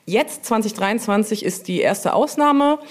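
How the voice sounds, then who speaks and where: With a medium-pitched voice, lively intonation and a measured pace, a woman explains her job as a brand manager in an informal podcast interview. She frequently seeks agreement through small tag questions.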